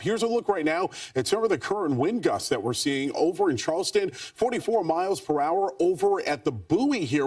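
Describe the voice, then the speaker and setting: A man's voice: fairly high pitch, darkish tone, distant mic. A man with an American accent giving live storm forecast commentary as a TV meteorologist.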